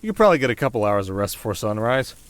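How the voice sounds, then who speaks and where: A man's voice: fairly low pitch, big pitch swings, racing, smooth. Man playing Jack Frost, a wry, flirty winter sprite. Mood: soft, flirty. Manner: casual, wry, sharp-tongued. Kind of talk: ASMR audio roleplay.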